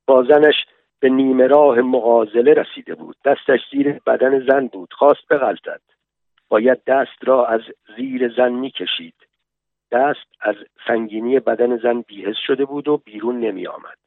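A man narrating a literary story in a measured, slow storytelling manner, heard over a tinny radio broadcast. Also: medium pitch, gravelly, no echo.

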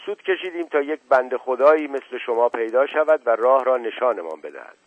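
A man's voice: mid-range voice, dry recording, natural voice. A cool-headed boy who gives cheeky answers, as a man reads him in an audiobook. The sound is thin and dry. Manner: calm, cheeky. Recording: tinny, dry, phone-like sound.

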